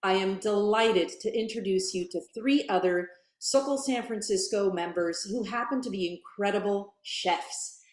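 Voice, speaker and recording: A woman in her thirties moderating a virtual cooking class on a video call, upbeat and friendly, from a bright home kitchen. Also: mid-range voice, normal speed, hardly any pauses, reverberant.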